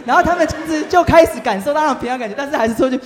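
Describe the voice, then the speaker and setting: A young man tells a lively testimony story to a youth group, often asking the audience questions. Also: very high voice, very fast, crowd noise, background noise. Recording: reverberant hall.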